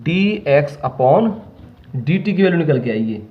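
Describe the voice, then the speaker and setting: A man's voice: on the high side, big pitch swings. Patient man teaching maths, lo-fi sound. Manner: patient, checks often whether students follow; dictates terms slowly, step by step. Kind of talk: whiteboard maths lesson.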